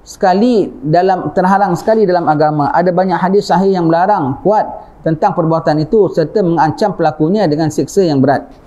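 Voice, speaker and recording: A brisk, warm, high-pitched man with a Malaysian Malay accent preaches casually on religion. He talks conversationally and frequently checks in with listeners by asking "ha?".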